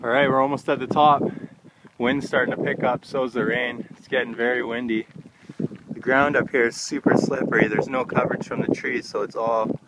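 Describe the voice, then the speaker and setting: This young man's mid-range voice keeps a level tone and moderate pace as he casually narrates a hiking vlog. The phone is held at arm's length outdoors on a wet, windy mountain trail, picking up loud wind and rain.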